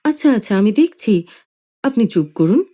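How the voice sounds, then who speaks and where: A woman voicing a gentle, dutiful father in his fifties who speaks in a soothing, pleading way. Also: medium pitch, very animated, normal speed.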